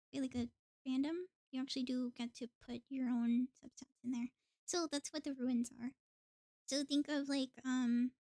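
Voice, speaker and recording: With music in the background, this woman streams a video game and offers relaxed commentary in quick, thought-out-loud snippets. Her voice is high but carries a dark tone.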